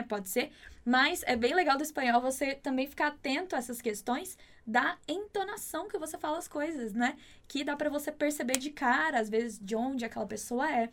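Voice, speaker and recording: A woman, a native Portuguese speaker, teaching a Spanish lesson, saying drill sentences slowly and chatting between them. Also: high-pitched. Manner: slow, exaggerated drill phrasing, chatty asides.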